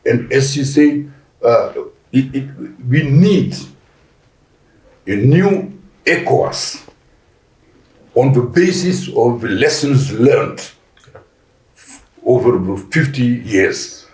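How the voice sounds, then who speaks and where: Deliberate man, roomy echo. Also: medium pitch, expressive, darkish tone. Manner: deliberate with frequent restarts and fillers. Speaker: panel guest. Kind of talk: podcast panel discussion. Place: conference venue.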